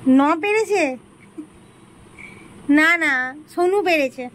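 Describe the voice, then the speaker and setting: A woman with a very high voice coaxes a toddler, teasing and repeating each question. She chats casually. Faint noise sits behind her. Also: animated, extremely slow, a bit bright. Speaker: vlogger.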